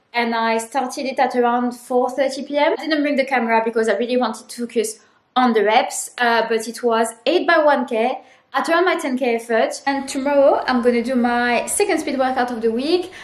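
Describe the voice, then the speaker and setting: A woman's voice: high voice, brisk, reverberant. A woman vlogger talking casually to camera in a video diary. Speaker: vlogger, amateur runner.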